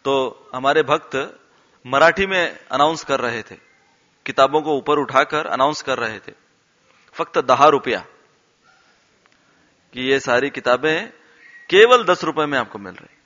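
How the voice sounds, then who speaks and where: A man giving a devotional talk, telling stories in an animated way and acting out the quoted lines. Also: mid-range voice, normal speed. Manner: animated storyteller, acts out quotes and laughs along. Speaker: temple speaker. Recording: dull sound with long hall reverb.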